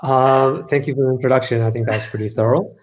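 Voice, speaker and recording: A man's voice: medium pitch, steady tone, fast, poor audio. Hesitant man explaining startup funding. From Los Angeles, California. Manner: hesitant, many ums, explanatory. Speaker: guest startup founder and advisor. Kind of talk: live online event conversation.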